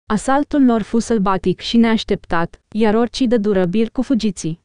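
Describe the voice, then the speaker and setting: Brief: woman narrator, slightly higher voice, mellow, steady storytelling. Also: no echo, clean studio sound. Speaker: audiobook reader. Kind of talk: scripted narration.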